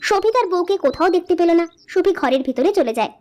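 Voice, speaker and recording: A woman narrating a cartoon story in a plain, steady storybook style. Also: very high voice, quick pace.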